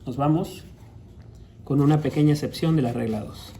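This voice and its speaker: A man with a Latin American Spanish accent teaches a recorded grammar lesson, walking through each rule patiently. His voice is very dark and mellow. Faint room hum sits behind him. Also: a little high. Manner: patient, explains step by step, reads English examples slowly. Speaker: English teacher.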